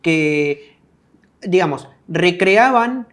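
A man's voice: high-pitched, lively intonation, drawn-out words, a bit bright. A man in his thirties from Argentina, explaining things casually as a guest expert and checking in with listeners. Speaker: guest, digital marketing expert.

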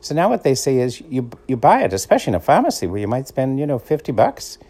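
He talks fast, his medium-pitched, warm voice swinging hugely in pitch. A middle-aged man from the Boston area with the accent to match, he hosts a casual solo podcast, meandering and conversational, spinning stories in an easygoing manner.

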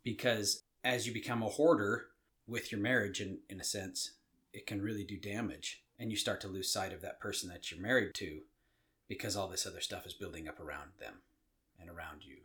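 A man's voice: fairly low pitch, fairly bright tone. A middle-aged man co-hosting a casual marriage podcast, talking thoughtfully and often restarting his sentences. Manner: thoughtful, halting with frequent restarts. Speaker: podcast co-host.

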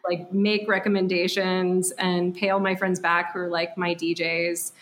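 A woman's voice: fairly low pitch, little pitch movement, measured pace, fairly bright tone. A woman in her thirties from Texas, a company founder chatting as a podcast guest, full of fillers and frequent laughs. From Texas, USA. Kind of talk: casual interview.

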